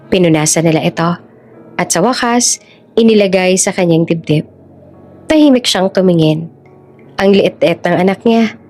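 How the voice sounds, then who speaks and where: Female storyteller, even and measured, scripted narration, mid-pitched, faint music bed.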